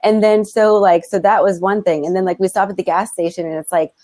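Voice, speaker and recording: Woman host, live video chat, chatty storyteller with an average pitch. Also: steady tone, brisk, mellow. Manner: chatty storyteller, laughs often. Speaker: show host. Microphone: video call.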